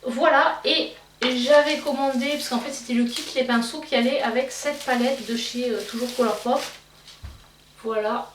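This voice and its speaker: A young Belgian woman with a Belgian French accent, chatting casually as a beauty vlogger and pausing often with fillers and restarts. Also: sits high, fairly even intonation. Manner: hesitant, many fillers and restarts. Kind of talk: casual chat. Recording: roomy, slightly distant mic, faint noise.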